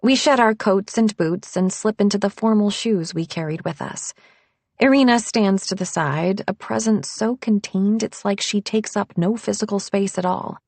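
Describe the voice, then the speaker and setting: A woman narrating an audiobook in first person, reading at a measured, even pace. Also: mid-range voice, vocal fry, dry recording.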